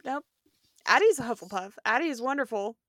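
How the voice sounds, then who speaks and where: A woman's voice: on the high side, expressive, a little fast, fairly bright tone, no room sound, clean studio sound. A woman co-hosting a podcast, chatting in an easygoing way with plenty of fillers. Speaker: podcast co-host. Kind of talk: casual chat.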